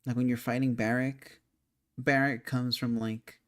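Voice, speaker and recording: A man's voice: medium pitch, little pitch movement, unhurried. Rambling young man talking about a game. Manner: rambling, frequent fillers and restarts, thinking aloud. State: hiccuping. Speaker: game commentator. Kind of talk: casual spoken game discussion.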